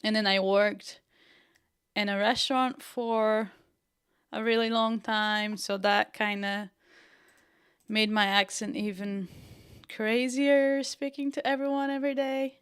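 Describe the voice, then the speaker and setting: Speaking slowly and pausing often, this young woman from Brazil chats through a livestream design tutorial, muttering and thinking aloud while she works. Her voice is mid-range with little pitch movement and a bright, clean tone, and her accent blends Brazilian with Northern Irish.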